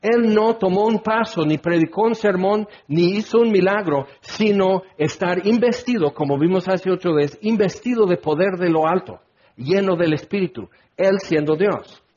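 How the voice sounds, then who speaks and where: Animated husky preacher, high voice. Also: male voice, moderate pace. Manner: animated, acts out little scenes with put-on voices. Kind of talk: sermon. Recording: dull lo-fi recording.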